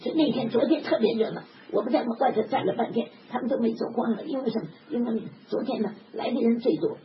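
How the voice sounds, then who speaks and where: An older woman preaching a sermon in an animated, emphatic way, often chuckling. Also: on the high side. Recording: dull lo-fi recording with background noise.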